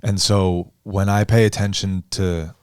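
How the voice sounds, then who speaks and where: A man and coach on a podcast conversation, explaining ideas in a measured, thoughtful way. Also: deep voice, flat delivery, clear, resonant tone, dry recording, studio quality. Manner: measured, thoughtful, deliberate phrasing.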